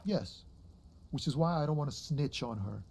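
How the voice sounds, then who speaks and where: An actor playing a weary, tender truck driver in a video game, speaking in a reflective, sincere and halting way. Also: male voice, on the high side, lively intonation, vocal fry, darkish tone, husky, full character voice. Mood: protective, sad. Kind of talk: dramatic video game dialogue.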